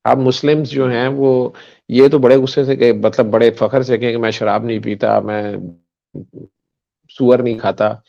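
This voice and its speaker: A man, a doctor, guiding listeners through a slow, soft prayer and meditation, then talking it over in conversation. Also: mid-range voice, steady tone, creaky. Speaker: doctor and guest. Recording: dull lo-fi audio.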